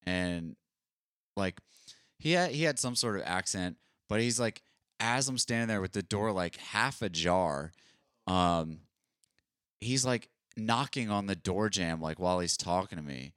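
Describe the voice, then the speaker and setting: A young man with a low, deep voice tells stories in a relaxed, chatty podcast style. He slips into other people's voices as he retells each scene. The sound is dry and close, with no room around it. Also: unhurried, no echo. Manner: animated storyteller, acts out quoted dialogue. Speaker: podcast co-host. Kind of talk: casual chat.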